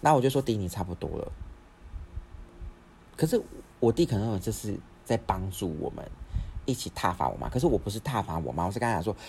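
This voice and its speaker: A young man, hosting a podcast and telling a story in a rapid, rambling way with frequent restarts. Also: on the low side, big pitch swings, vocal fry, a little mellow, slight background noise. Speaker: podcast host. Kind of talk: casual storytelling.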